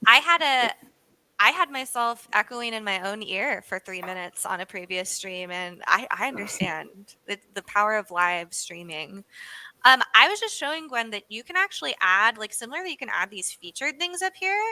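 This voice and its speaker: A woman's voice: mid-range voice, animated, normal speed, bright, forceful tone, no room sound. A woman hosting a casual livestream, bubbly and exclamatory, chatting with a guest and reading the chat. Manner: bubbly and exclamatory, frequent "ooh" and laughs. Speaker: livestream host.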